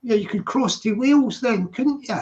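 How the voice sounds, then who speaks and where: A man's voice: very high voice, normal speed, a loud crowd. A man in casual, chatty conversation, repeating himself and often chiming in with agreement. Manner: chatty, repetitive, full of agreeing interjections. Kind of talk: casual chat. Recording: dull lo-fi live-stream audio.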